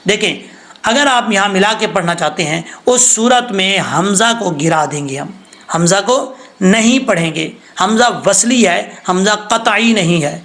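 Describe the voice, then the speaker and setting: Man, tajweed teacher, high voice, patient explanations. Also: a bit bright. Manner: patient explanatory teacher, slows to recite verses. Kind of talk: recorded recitation lesson.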